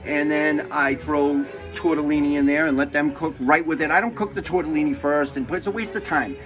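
A man's voice: on the high side, steady tone, a little fast, music in the background, poor audio. A man hosting a casual cooking show, rambling and joking as he cooks, swearing freely and drifting off into stories. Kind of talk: casual cooking demonstration chat.

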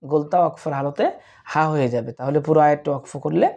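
A man's voice: on the high side, fast, gravelly, a little mellow, muffled recording. A man teaching Quran reading. He spells out each letter and vowel mark one at a time, then chants the joined verse, speaking patiently to his students. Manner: patient, addresses students directly.

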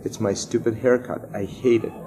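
A man's voice: on the low side, fairly even intonation, normal speed, noisy background, voice pushed up, close to an everyday voice. A man doing a glum schoolgirl. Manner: sulky, muttering. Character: self-conscious, glum schoolgirl.

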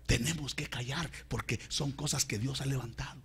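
A man preaching a sermon, calling his listeners brother and swinging between shouts and whispers. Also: mid-range voice, steady tone, moderate pace, breathy edge. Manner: addresses listeners as hermano.

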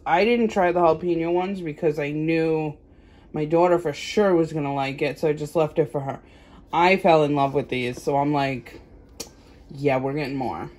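Woman, mom vlogger, casual home chat, rambling, slow pace, fillers. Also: low-pitched, darkish tone. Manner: rambling, chatty, thinks aloud with fillers. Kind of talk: casual grocery haul chat.

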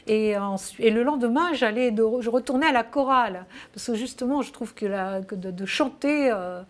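Female interview guest, slightly high, halting delivery full of fillers. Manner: hesitant, many fillers and restarts. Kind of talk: casual interview answers.

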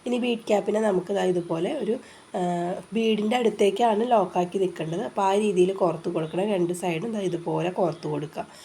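Her voice mid-range and mellow, a woman hosting a craft channel moves at a quick pace through a casual tutorial. She's congested from a cold, yet explains every step patiently and chattily, often using filler sounds while rain falls outside.

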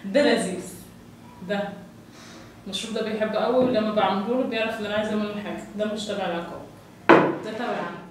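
A woman's voice: medium pitch, steady tone, rapid-fire, pauses often. An Egyptian woman in her twenties chatting casually over a meal as an eating challenge vlogger. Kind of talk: casual chat while eating. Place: bare indoor room, seated at a table. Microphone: camera distance. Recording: very echoey room, distant mic, noisy.

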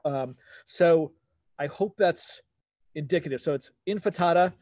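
Higher-voiced man explaining wine casually. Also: a little slow, a little mellow, dry recording, studio quality. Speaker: wine webinar presenter. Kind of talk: casual explanatory wine talk, decoding labels. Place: outdoors at a garden table.

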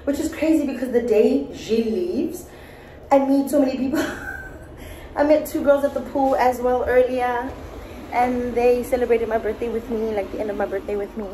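A woman in her twenties vlogging casually to a phone camera in a hotel room, chatty and animated, with bursts of excitement. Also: fairly high pitch, normal speed, a little hiss or hum, low-quality recording. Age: 20s. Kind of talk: casual vlog chat to camera. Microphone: phone camera at arm's length.

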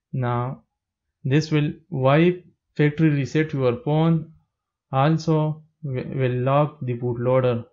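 A man with a slightly raised pitch gives calm, step-by-step instructions in a plain, steady tone. His voice-over is recorded with a dull, lo-fi sound. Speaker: tech tutorial narrator. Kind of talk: scripted step-by-step narration.

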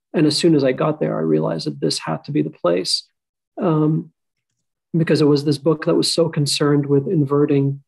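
A man's voice: a little high, creaky, darkish tone, husky, poor audio. A man who grew up in Qatar, speaking as an author on a panel over a video call, thoughtful and self-deprecating. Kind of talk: panel discussion. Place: home room. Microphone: video call webcam.

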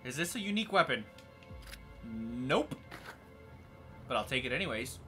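A chatty man narrating his game as he plays, with a bright, forceful tone. His pitch jumps around a lot as he reacts. Faint game music plays underneath. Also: very animated, normal speed. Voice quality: chatty, easily amused, thinks aloud. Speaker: gaming channel host. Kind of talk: casual let's play commentary.

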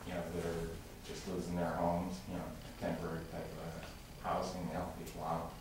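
A man making a halting public comment to a city council, full of fillers and restarts. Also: deep voice, monotone. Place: large council chamber with tall windows. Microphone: room mic from far off. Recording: echoey chamber recorded from far off with noise.

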